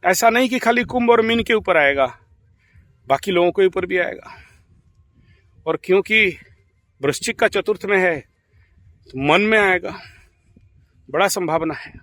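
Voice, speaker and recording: A man giving an informal astrology talk in Hindi-accented speech, rambling and animated, laughing at his own stories. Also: sits high, no echo. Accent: Indian Hindi.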